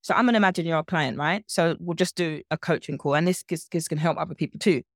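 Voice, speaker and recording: A woman guest who works as a nutrition coach, talking in a playful, animated way and often repeating words. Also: low voice, fast talker, dry recording, studio quality. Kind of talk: casual interview chat.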